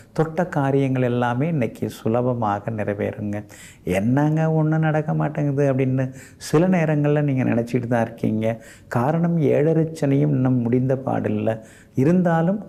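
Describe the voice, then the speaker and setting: A male astrologer reads out the daily horoscope. His voice is gravelly and mellow, and his tone is polite and advising. He ends his sentences with respectful, courteous endings. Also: medium pitch.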